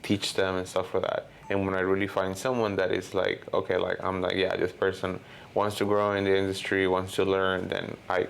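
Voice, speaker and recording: A man's voice: low-pitched, monotone, moderate pace, gravelly, a little hiss or hum. A man in his thirties from Honduras, speaking as the guest in a casual interview and rambling with many "you know" and "like" fillers. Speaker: guest filmmaker.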